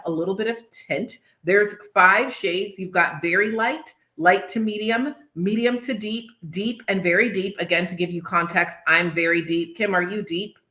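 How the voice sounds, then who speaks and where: A woman's voice: mid-range voice, fairly bright tone. A woman hosting a casual online bingo night like a bingo caller, announcing and presenting to the players. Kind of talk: casual live product presentation.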